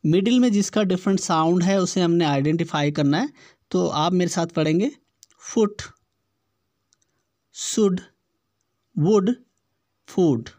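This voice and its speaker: A man teaching an exam-prep lesson, reading test questions aloud slowly and repeating words to show their pronunciation. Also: high voice, a little mellow, no room sound.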